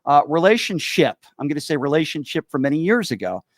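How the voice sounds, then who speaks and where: A man's voice: a little high, sing-song, fast, dry recording, clean studio sound. A man in his forties from Connecticut, hosting a casual chat show and rambling with fillers and repeated yeps. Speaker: show host.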